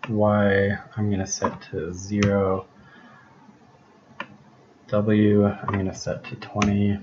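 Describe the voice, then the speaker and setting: Low, slow-talking man explaining code. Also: completely flat delivery. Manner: thinks aloud, unhurried, explains step by step. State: losing his voice. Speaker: programming tutor. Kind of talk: casual screencast explanation. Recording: dull lo-fi recording with background hiss.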